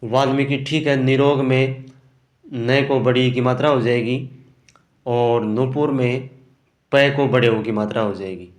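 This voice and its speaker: A man's voice: medium pitch, fairly even intonation, unhurried. A man teaching Hindi grammar for an exam, working through answer options and often checking "ठीक है ना". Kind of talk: exam prep lesson. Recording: roomy echo.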